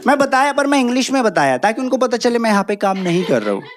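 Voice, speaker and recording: High-voiced young man doing stand-up. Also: very animated, quick pace. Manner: self-mocking Hindi storytelling mixed with clumsy English. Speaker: stand-up comedian. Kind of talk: stand-up comedy set. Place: comedy club stage with a laughing audience. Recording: live show with loud crowd laughter.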